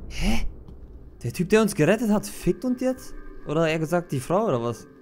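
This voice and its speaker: A man's voice: high-pitched, sing-song, brisk, darkish tone, slight background noise. A young man commenting on a horror game as a streamer, slangy and jumpy, yelping when startled. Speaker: let's play streamer. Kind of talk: casual gameplay commentary. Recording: game audio with music.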